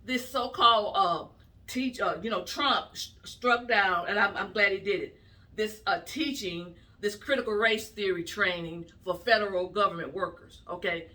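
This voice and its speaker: A woman's voice: medium pitch, normal speed, bright, forceful tone, far from the mic. A woman political commentator talking in an emphatic, indignant, conversational way in her opinion vlog.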